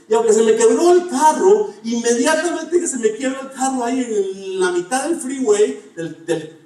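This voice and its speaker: A man's voice: high-pitched, mellow. A middle-aged man preaching a sermon, earnest, telling stories and asking the congregation questions. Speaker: pastor. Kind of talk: sermon with personal storytelling. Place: church sanctuary. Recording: echoey church hall from far off.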